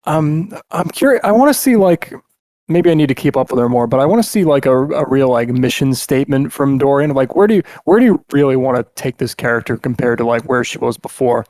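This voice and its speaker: Man, podcast co-host, musing, mid pitch, dry close sound. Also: expressive, brisk, darkish tone, no echo. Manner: musing, with hesitant restarts. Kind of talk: casual chat.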